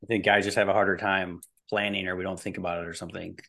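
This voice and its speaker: Speaking fast with vocal fry, a man in his early forties delivers his points in a flat, sharp-toned, low voice. He's a fitness and nutrition coach on a podcast, chatting informally and wandering as he explains.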